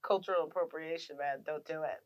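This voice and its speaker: Female podcast co-host, playful teasing delivery, quick laughs. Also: low-pitched, fairly even intonation, lo-fi sound. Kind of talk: casual chat.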